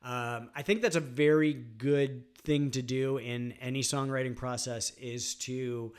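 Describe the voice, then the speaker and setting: Man, guitar teacher, casual instructional talk, relaxed, fillers, mid-pitched voice. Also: unhurried, clean tone. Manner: relaxed, rambling, many fillers like "um" and "like".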